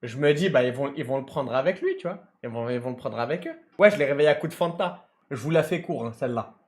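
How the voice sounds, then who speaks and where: A man telling a comic anecdote in casual slang, acting out people and shouting at times. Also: medium pitch, fast. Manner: animated, slangy, mimics and shouts mid-story. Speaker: storyteller recounting a tow job.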